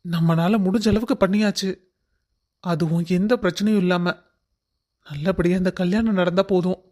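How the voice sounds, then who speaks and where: A good-humored middle-aged relative in a cartoon, speaking in a rather high voice, as a man acts him out. He sounds relieved and hopeful. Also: steady tone, normal speed, a little mellow, natural voice.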